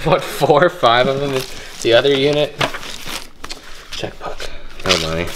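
A young man talks through his finds in a storage unit, chatty and joking as he thinks out loud. His voice sits at an ordinary pitch, and loud noise runs under the recording. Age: young adult. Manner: chatty, joking, thinking aloud while rummaging. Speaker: storage unit treasure hunter. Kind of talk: casual vlog narration. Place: indoor metal storage unit.

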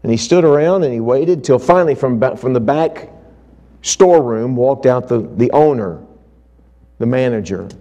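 Warm-voiced preacher telling a story. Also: male voice, medium pitch, expressive, normal speed, highs cut off. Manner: dramatic storyteller acting out quotes. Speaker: revival preacher. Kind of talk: sermon storytelling. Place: church.

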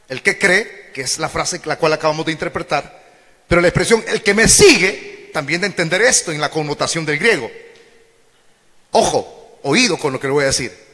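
A pastor with a high, bright male voice preaches to his church, his pitch lively and ranging widely. His sermon swings between shouted declarations and low, drawn-out phrases, all ringing with the long reverb of a large hall.

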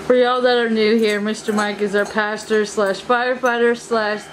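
A woman's voice: a little high, little pitch movement, moderate pace. A woman giving casual, encouraging commentary for a home vlog from behind the camera. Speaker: off-camera host filming. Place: home dining room, indoors. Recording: noisy room with air conditioning hum.

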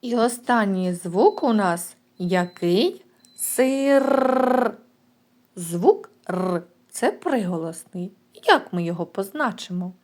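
A kindergarten teacher leads a preschool lesson with a lively pitch and an unhurried pace. She draws out each sound slowly and clearly for the children.

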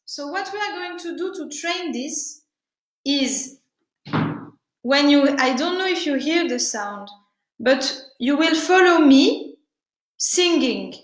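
A woman's voice: high voice, animated, roomy sound, low-quality recording. Woman teaching singing. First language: French. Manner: halting, searching for words, demonstrates with sung syllables. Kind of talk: online singing workshop.

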